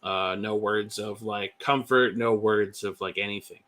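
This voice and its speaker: Guest voice: man with a low, bright, forceful tone, candid and meandering, casual testimony. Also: fairly even intonation, unhurried. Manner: candid, rambling with many "like"s and "um"s. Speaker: podcast guest.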